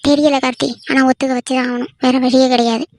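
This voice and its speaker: A woman's voice: high voice, flat delivery, fast talker, darkish tone, dry recording. A woman voicing an earnest young village woman in love, questioning and pleading insistently in a cartoon. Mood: resolute. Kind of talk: cartoon voice acting.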